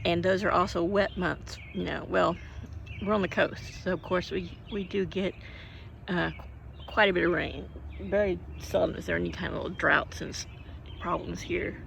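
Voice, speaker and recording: A woman's voice: fairly low pitch, steady tone, moderate pace, creaky, fairly bright tone. An older woman from Oklahoma chatting in a meandering, homey way while sitting outdoors in her garden, often hiccuping and yawning. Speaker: vlogger. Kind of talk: rambling casual chat. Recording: faint outdoor noise, birds and passing traffic.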